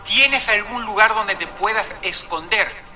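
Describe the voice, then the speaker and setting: A man reading the lines of a calm female emergency operator, asking slow, measured questions. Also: high-pitched, soft background music, full character voice.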